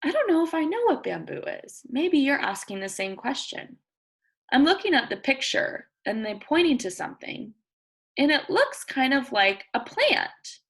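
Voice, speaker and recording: In a high-pitched voice, a woman reads nonfiction to an audience of young children in a teacher's role. She sounds expressive and deliberate, often prompting with questions and thinking aloud in plain explanations.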